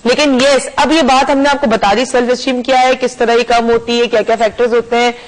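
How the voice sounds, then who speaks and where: A woman's voice: fairly high pitch, level tone, quick pace, poor audio. Chatty woman hosting a talk show. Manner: chatty, mixes English phrases into her talk. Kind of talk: casual TV talk show chat.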